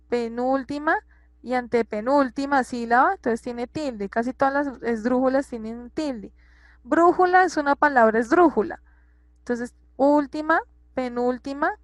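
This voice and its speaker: A woman's voice: fairly high pitch, no echo. A woman teacher explaining a grammar lesson patiently, repeating examples and checking that her students follow.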